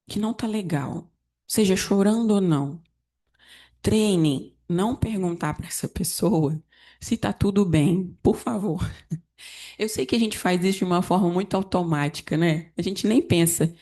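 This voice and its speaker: A woman with a Brazilian Portuguese accent giving a devotional lecture over a video call, telling a story gently and asking the audience rhetorical questions. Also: fairly low pitch. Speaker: lecturer at a spiritist center.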